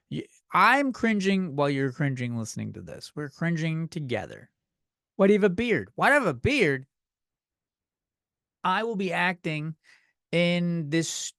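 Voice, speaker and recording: A podcast host in his 30s runs a solo comedy show, rambling, swearing and poking fun at himself as he rants. His voice is on the high side, creaky, a bit bright and smooth, recorded in clean studio quality with no echo.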